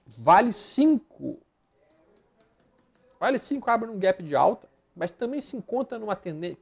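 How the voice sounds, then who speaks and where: A man's voice: high voice, very animated, unhurried, creaky. A man with a Brazilian Portuguese accent giving live stock market commentary over charts, blunt and slangy, rattling off repeated words as he flips through them.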